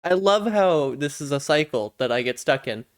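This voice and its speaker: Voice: mid-range voice, lively intonation, normal speed. A live streamer chatting casually with viewers in a playful, self-deprecating gamer manner. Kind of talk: casual livestream chat with viewers.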